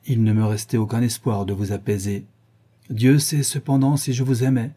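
A man's voice: medium pitch, fairly even intonation, normal speed, warm tone, slightly rough, lightly acted. A man reading the part of a proud English major, pleading in an impassioned, declamatory way. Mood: anguished.

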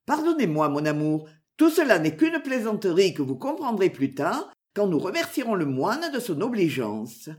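A woman's voice: mid-range voice, big pitch swings, moderate pace, few pauses, a little mellow, lightly acted. A woman voicing an ardent young knight. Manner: earnest, imperious.

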